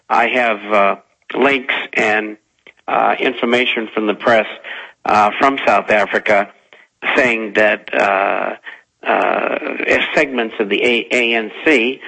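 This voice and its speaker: Older man, radio guest, low husky voice, forceful tone, halting grave commentary, from Massachusetts. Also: low-quality recording. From Massachusetts, United States. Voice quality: raspy. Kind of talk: political commentary on talk radio.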